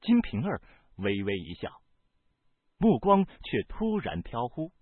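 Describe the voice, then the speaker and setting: A man with a husky voice reading a novel aloud as audiobook narrator, in an expressive, varied storytelling delivery. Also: mid-range voice, slow, no room sound. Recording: dry, tinny phone-like sound.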